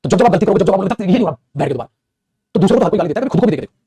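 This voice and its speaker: A man's voice: high voice, animated, racing, warm tone, breathy edge, dry recording. A man teaching English grammar in a live online class, scolding and motivating his students by turns.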